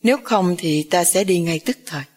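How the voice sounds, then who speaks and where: A woman's voice: on the low side, measured pace, darkish tone, big-room sound, faint music behind. A woman voicing a cold, bitter old grandmother who speaks in an icy, commanding way. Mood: cold, contemptuous.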